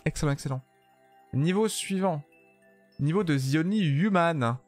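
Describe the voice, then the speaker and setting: A man's voice: a little high, moderate pace, darkish tone, soft background music. A tired man chatting casually with his viewers while streaming a game, joking and swearing freely. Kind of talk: casual live-stream commentary while playing.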